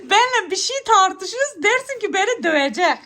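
A woman hosting a casual home vlog, chatting in her kitchen while she cooks, laughing often and telling stories loudly. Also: very high voice, animated, brisk. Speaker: vlog host.

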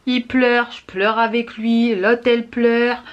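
A young woman YouTuber telling a story in a chatty, animated storytime vlog, with slang. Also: a little high, takes it slowly, lo-fi sound.

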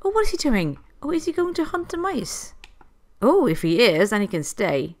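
A woman with a cold chats her way through a life-sim game, talking to the characters as the host of casual gameplay commentary. Her voice sits on the high side with a sing-song lilt, a touch of mellowness, and a normal speaking speed.

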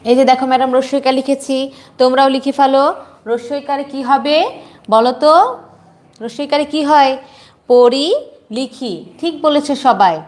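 A woman teacher giving a dictation lesson to young children, spelling words out slowly and often quizzing the class. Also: high-pitched, steady tone, darkish tone. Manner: slow, drawn-out spelling with frequent questions to the class. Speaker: nursery teacher.

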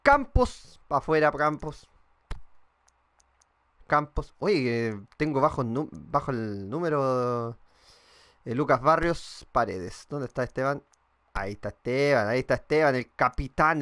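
A man's voice: medium pitch, a little slow, pauses often. A young Chilean man with a Chilean accent, chatting casually and swearing while streaming a football game and reading viewers' messages aloud. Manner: casual and swearing, reads chat aloud, thinks out loud. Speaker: gaming streamer. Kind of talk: live-streamed gameplay chat.

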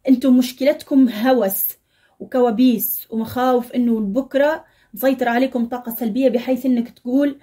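Woman, tarot reader, fortune-reading monologue, blunt and scolding, husky, mellow, fairly high. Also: steady tone, a little fast. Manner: direct, scolding, preachy advice.

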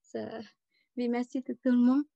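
Halting woman, Sri Lankan accent in French. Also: a little high, little pitch movement, gravelly, dark tone, dry recording. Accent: foreign accent in French, Sri Lankan. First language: not French. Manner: halting, searching for words in broken French. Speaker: guest giving a testimony. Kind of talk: personal testimony in halting French. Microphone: video call. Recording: muffled, dull video-call audio.

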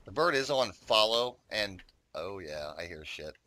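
Bright, chatty gamer guy. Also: fairly low pitch, animated, measured pace, no room sound. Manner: chatty, rambling, swears, talks to viewers. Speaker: gaming YouTuber. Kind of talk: casual gameplay commentary.

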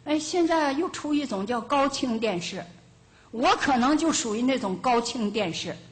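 An older woman giving a Buddhist teaching as a lay teacher, telling lively homespun stories and chuckling now and then. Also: high voice, moderate pace. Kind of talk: storytelling dharma talk. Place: lecture hall of a Buddhist centre.

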